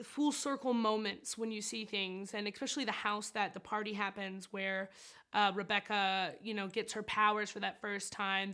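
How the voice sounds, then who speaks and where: Bright, chatty woman with giggles. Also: medium pitch. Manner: chatty and giggly, rambling with many fillers. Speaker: actress and set designer interviewed about her film. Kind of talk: casual chat.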